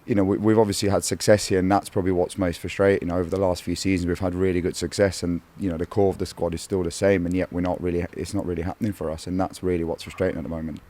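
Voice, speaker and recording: Goalkeeper guy after a match, deep dark voice, rattles through it earnestly, lots of "you know". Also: level tone, racing, few pauses. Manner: earnest, repeats words, many "you know" fillers. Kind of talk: post-match interview.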